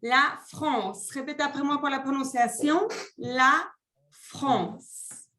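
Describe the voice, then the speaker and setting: A woman French teacher runs her classroom with a high, light voice. She speaks slowly and deliberately, drilling each word so the students can echo it. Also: pushed and bright, slight background noise. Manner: slow, deliberate pronunciation drills. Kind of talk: classroom instruction.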